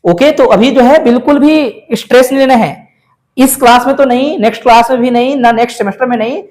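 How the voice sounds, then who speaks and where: A man's voice: very high-pitched, fast, a little mellow. A male math teacher lecturing a class, coaxing his students with frequent questions.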